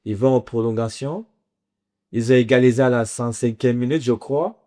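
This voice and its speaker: A man's voice: medium pitch, moderate pace, dark tone. A man from Congo in a casual football chat, talking passionately about African teams.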